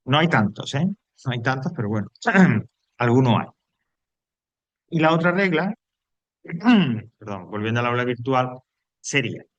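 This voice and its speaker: A man explains English spelling rules at an even, mid-range pitch, patiently going over each step more than once. His first language is Spanish, and the recording is dry, with no room echo. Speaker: English teacher. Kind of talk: recorded online grammar lesson.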